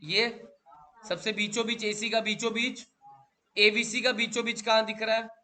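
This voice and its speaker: A man's voice: high voice, level tone, normal speed, sharp tone. A male teacher lecturing a class, drilling students with repeated questions and calling them beta.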